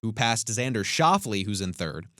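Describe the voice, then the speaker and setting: A co-host of a casual sports chat reads a list of rankings the way an airline pilot gives an announcement. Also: male voice, lowish voice, moderate pace, no room sound, clean studio sound, heavily acted. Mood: announcing. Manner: steady flat announcer reading of a list. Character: man reading stats like an airline pilot announcing. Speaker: golf podcast co-host.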